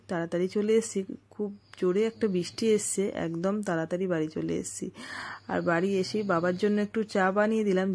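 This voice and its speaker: A woman's voice: medium pitch, darkish tone. A woman in her thirties chatting casually to her viewers at home, rambling on about her day as a family vlogger. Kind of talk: casual home vlog chat.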